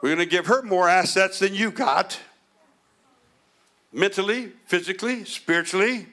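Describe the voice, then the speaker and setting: A man's voice: high-pitched, normal speed, bright, forceful tone. A man voicing God as a patient, folksy creator giving plain-spoken instructions. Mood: instructing.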